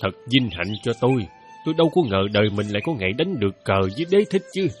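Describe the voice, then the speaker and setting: A skilled village chess master, proud yet polite, played by a man. He chuckles often, and his voice rises and falls in lively curves. Music murmurs faintly under this radio play. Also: on the low side, quick pace.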